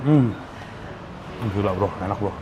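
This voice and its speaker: Reviewing food in a restaurant, a male vlogger with a Jakarta Indonesian accent speaks a little slowly in a lowish voice. His review is casual and enthusiastic, full of slang and English phrases, while restaurant background noise is clearly heard.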